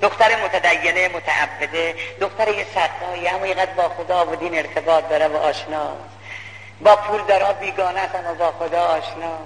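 A man preaching with fervor, his voice pitched a bit high and bright, ringing in a large hall. His storytelling turns impassioned, climbing higher at the emotional peaks. A long reverb trails every phrase. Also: steady tone.

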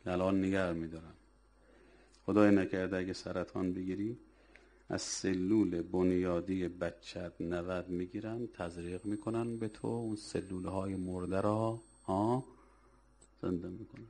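A man with a very low, deep voice delivers a sermon. He presses his listeners hard with rhetorical questions and scolds them. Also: steady tone, dark tone. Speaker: preacher. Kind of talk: religious sermon.

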